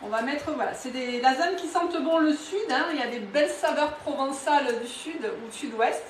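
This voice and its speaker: A woman's voice: high-pitched, a little fast, a little hiss or hum. A woman from southwest France with a southwestern French accent, talking her way through a live cooking demo in a home kitchen, chatty and enthusiastic, with many fillers and restarts. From southwest France, near Toulouse. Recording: roomy, a bit distant from the mic.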